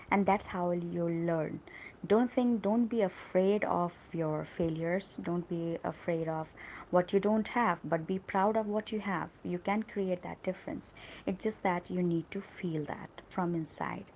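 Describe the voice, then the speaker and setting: A middle-aged English teacher gives an earnest, encouraging live-stream talk on learning English, her accent American-tinged from call-center work. Her lowish, darkish voice has a gravelly fry, and she often pauses on fillers like "uh" and "you know." The recording is low quality, with a faint hiss beneath.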